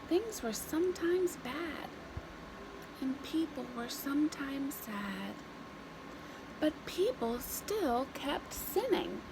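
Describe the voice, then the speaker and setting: A high-voiced woman reads a story aloud to young children, expressive and deliberate, using simple phrases and dramatic pauses. The background is noisy.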